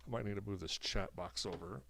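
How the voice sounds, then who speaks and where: A man's voice: low-pitched, a little fast, vocal fry, bright, forceful tone, slight background noise. A man with a cold streaming a video game, rambling and thinking aloud as he sets things up. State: sick with a cold, coughing. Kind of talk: casual commentary while setting up a video game.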